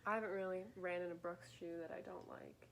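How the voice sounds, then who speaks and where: A woman's voice: lowish voice, flat delivery, brisk, fairly bright tone, a little hiss or hum. A young woman hosting a vlog, chatting casually with many "like"s and "um"s. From Michigan. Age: young adult. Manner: chatty, filler-heavy, laughing. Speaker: vlog host. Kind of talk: casual chat on camera.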